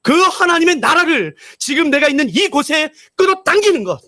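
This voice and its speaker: A male pastor giving a broadcast revival sermon, telling a story in an animated way and acting out the voices of its characters. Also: very high-pitched, a little fast, no room sound, studio quality.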